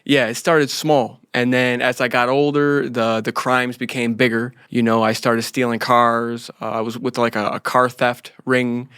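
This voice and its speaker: An American man in his late thirties telling his own story casually as an interview guest, haltingly and repeating phrases. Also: mid-range voice, level tone, fairly bright tone, clean tone, dry recording, clean studio sound. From United States, grew up in Florida.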